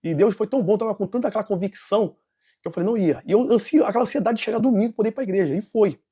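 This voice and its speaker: High, fast-talking nervous man. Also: mellow, slightly rough. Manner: rambling, with restarts and self-corrections. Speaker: interview guest giving a testimony. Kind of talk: personal testimony storytelling.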